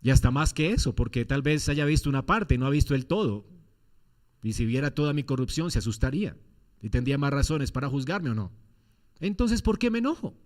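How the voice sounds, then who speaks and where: A man's voice: medium pitch, lively intonation, brisk, darkish tone. A man preaching a sermon as pastor, firing off rhetorical questions with emphatic swings in his delivery.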